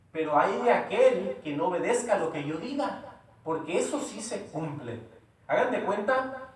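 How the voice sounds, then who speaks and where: A man preaching a sermon in a church, emphatic and repetitive, often asking rhetorical questions. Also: high-pitched. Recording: very echoey room, voice from far off.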